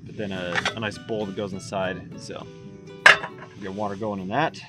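A man's voice: deep voice, flat delivery, moderate pace, over loud music. A man vlogging at an outdoor campsite, casually walking through his camping gear with loose, rambling speech and fillers. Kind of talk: casual gear walkthrough vlog.

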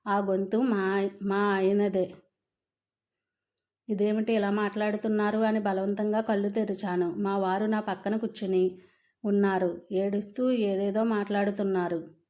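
A woman's voice: medium pitch, flat delivery, measured pace, warm tone. Subdued woman narrating a sad story. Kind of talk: first-person story narration.

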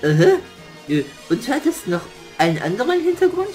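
A man's voice: extremely high pitch, huge pitch swings, moderate pace, darkish tone, soft background music, exaggerated voice. A man doing a cheeky, grumbling raven. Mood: skeptical. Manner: sassy, whiny and back-talking. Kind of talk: puppet theater play.

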